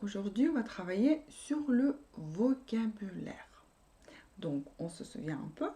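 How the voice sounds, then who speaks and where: A woman's voice: mid-range voice, very animated, unhurried, dark tone. A woman teaching a language lesson, repeating and explaining each word patiently.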